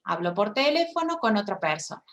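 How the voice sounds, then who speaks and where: A woman who gives voice to a signed lecture in first person. She talks haltingly, with restarts and frequent checks for agreement. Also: medium pitch, sing-song, a bit bright, muffled recording. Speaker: sign language voice interpreter.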